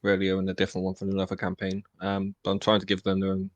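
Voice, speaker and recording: A man's voice: deep voice, completely flat delivery, racing, no echo. A man chatting as a tabletop game player on a podcast, laid-back, with frequent fillers and laughs. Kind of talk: casual podcast chat.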